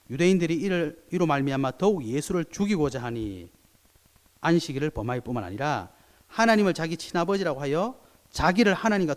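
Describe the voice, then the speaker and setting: Animated pastor in echoing hall. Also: male voice, a little high. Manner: animated preaching, acts out quoted voices. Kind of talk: sermon. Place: church sanctuary. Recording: long church hall reverb.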